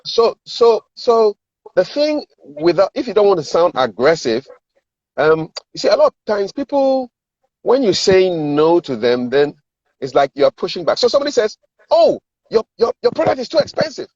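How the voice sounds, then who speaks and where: A sing-song, darkish voice that sits high, at normal speed, belongs to a middle-aged man with a Ghanaian accent. As a communications and sales coach in a conversational interview, he explains, performs sample dialogue and repeats words for emphasis, captured with echo and a dull lo-fi sound.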